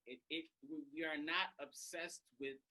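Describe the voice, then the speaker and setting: A man hosting a casual interview, who reacts to his guest with quick, encouraging remarks. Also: on the high side, fairly even intonation, sharp tone, rough recording. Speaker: interview host.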